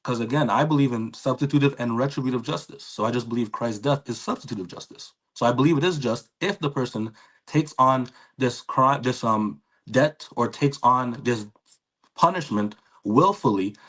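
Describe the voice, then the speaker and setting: A man in a heated call-in debate, halting and repeating himself as his call audio cuts in and out. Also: mid-range voice, a bit bright. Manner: halting, repeats himself, stumbles over words. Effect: call audio cutting in and out. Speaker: debate caller. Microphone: online call connection.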